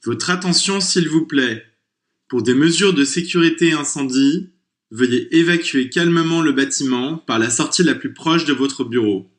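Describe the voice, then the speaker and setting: Man making a loud PA announcement. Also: a little high, echoey room. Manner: formal, loud and measured public notice. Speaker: building announcer. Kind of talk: scripted listening-test recording.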